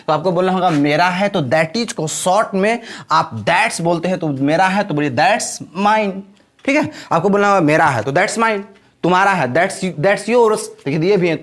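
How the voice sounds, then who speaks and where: A man teaching spoken English, explaining in Hindi and repeating each example phrase slowly like a classroom drill. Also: high voice, a bit bright.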